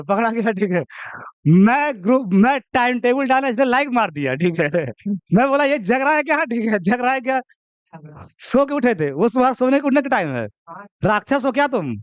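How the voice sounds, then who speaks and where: Young guy teaching maths, high clear voice, teases the class a lot, dry sound. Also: no echo. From India. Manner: chatty, teasing, keeps saying "okay". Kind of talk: classroom lecture.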